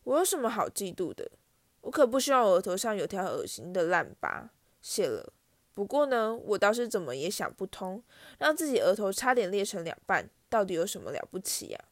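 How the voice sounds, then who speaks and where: A woman's voice: mid-range voice, very animated, a little fast, dry recording, studio quality. Woman doing a sneering spiteful schoolboy. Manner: mocking, drawling, sneering.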